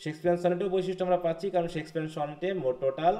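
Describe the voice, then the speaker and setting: Male teacher from Bangladesh, rapid and questioning, a bit high-pitched, on a video call. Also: steady tone, dark tone. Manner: questions students, mixes English terms into lecture, mildly scolding. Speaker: English literature teacher. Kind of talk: live online class lecture.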